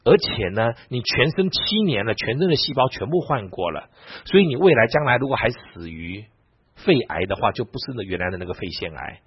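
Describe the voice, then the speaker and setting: Male preacher telling stories, lively pitch swings, husky tone, dull lo-fi recording. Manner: animated, quick, retells dialogue with lively asides. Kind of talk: storytelling sermon.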